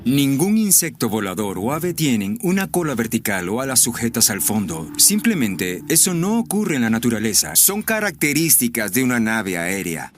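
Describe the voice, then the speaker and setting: A man's voice: medium pitch, very animated, normal speed, hardly any pauses, slight background noise. A man giving explanatory commentary in a documentary. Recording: clear music behind the voice.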